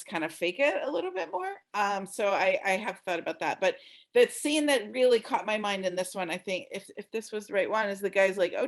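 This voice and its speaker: A woman from Texas speaking as a panelist, halting and filling her pauses. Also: medium pitch. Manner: hesitant, many pauses and fillers. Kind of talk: casual panel discussion.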